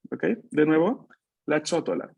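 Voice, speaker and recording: A man with a slightly high voice teaches an online language lesson over a video call from home. He is patient and keeps checking in with short questions. He drills his class with repeat-after-me sounds. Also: unhurried, creaky, a crowd in the background. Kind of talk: online Italian lesson for Spanish speakers.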